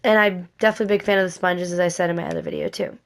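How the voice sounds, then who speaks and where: A cosplay makeup vlogger speaks in a lowish, slightly raspy and scratchy voice, hoarse from a cold, talking rapid-fire. Her casual makeup tutorial rambles and repeats itself, and she often corrects herself.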